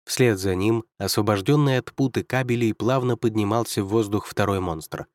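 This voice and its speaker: Male narrator for an audiobook, steady and measured, dry studio sound. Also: lowish voice, no echo. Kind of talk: scripted narration.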